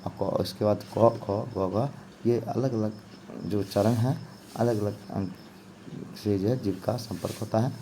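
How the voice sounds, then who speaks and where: An unhurried male teacher from India, his voice lowish, warm, and steady, explains grammar step by step for exam preparation over a faint hiss or hum. He keeps checking in with "okay" and filler phrases, repeatedly saying "ठीक है" and "जो है आपका".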